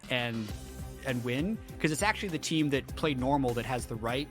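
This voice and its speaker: A man's voice: medium pitch, animated, moderate pace. Male esports analyst talking over music. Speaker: esports color commentator, analyst. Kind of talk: casual analytical game commentary.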